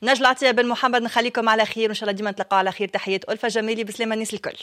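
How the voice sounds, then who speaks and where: Tunisian woman, chatty live radio host, quick pace, slightly high voice. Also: level tone, very noisy. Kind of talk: live chatty radio hosting, wrapping up a show.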